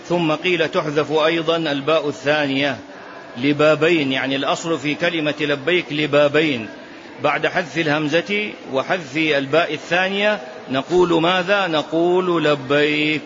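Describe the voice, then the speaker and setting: Man teaching a lesson, higher-pitched voice. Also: steady tone, moderate pace, noisy background. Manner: repeats key phrases for emphasis, sometimes draws them out in a chant. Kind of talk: classroom explanation of a text. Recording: dull lo-fi lesson recording.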